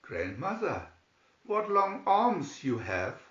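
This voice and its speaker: A man's voice: high voice, wildly swooping pitch, slow, a bit bright, echoey room, highs cut off, pitched above the performer's own voice, heavily acted. A man voicing an innocent, trusting little storybook girl with a wide-eyed, sing-song manner. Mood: wide-eyed wonder. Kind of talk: storybook character reading.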